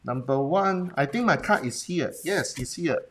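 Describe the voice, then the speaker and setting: A man's voice: fairly high pitch, animated, moderate pace, fairly bright tone. A man with a Hong Kong accent coaching viewers on a livestream in a blunt manner, often putting questions to them and checking in. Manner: rhetorical questions and check-ins with the audience. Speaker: business presentation coach. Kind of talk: Facebook Live talk, coaching viewers.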